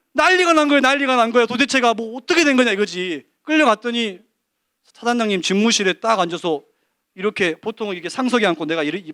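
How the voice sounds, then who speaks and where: A man giving a lively testimony at a church service, telling an animated story full of quoted dialogue. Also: high voice, no room sound, clean studio sound. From Korea.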